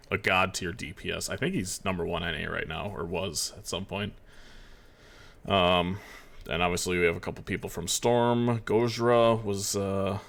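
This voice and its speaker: A man casts an esports match live on stream, his voice sitting on the low side. He talks in a loose, rambling, chatty way, like a friend at a desk mic. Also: gravelly, a bit bright. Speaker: esports caster.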